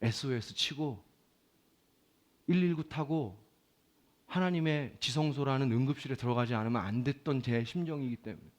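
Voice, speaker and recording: A man preaching a Sunday sermon as pastor, swinging from loud pleading to quiet, confiding talk. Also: mid-range voice, moderate pace, pauses often.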